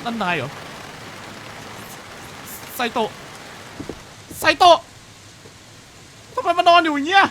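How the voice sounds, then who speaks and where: A man's voice: very high-pitched, wildly swooping pitch, slow pace, long pauses, noisy background. A young man streaming a horror game, chatting to viewers, cursing and yelping when startled. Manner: jumpy, swears and shrieks at scares. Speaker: gaming streamer. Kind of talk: horror game let's-play commentary.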